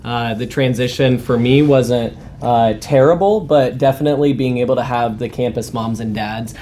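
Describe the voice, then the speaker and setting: A man's voice: mid-range voice, normal speed, mellow. Young guy, recent grad, loose rambling chat, laughs a lot, bit of faint hiss behind him. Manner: easygoing, laughs often, rambling restarts. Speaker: guest alumnus. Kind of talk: casual interview chat.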